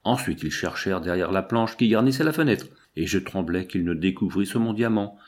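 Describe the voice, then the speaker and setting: A man narrating a first-person novel in a measured, expressive reading. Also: sits low. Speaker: audiobook narrator.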